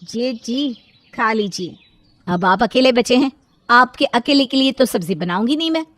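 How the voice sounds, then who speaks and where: A woman voicing a sarcastic, dismissive young sister-in-law in an animated storybook. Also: a little high, normal speed, no room sound, pitched above the performer's own voice. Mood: mock-polite.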